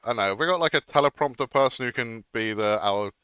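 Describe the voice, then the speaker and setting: A man's voice: mid-range voice, lively intonation, fast talker, pushed and bright, clear, resonant tone, dry recording. A man playing judge in a playful game role-play, cheerful and theatrical.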